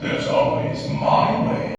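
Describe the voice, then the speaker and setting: An actor playing a sinister ghost host in haunted ride narration, speaking with slow, theatrical villain menace. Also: male voice, lo-fi sound, close to an everyday voice. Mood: sinister, mock-polite. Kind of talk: scripted theme park ride narration. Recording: echoey hall playback with music, far off.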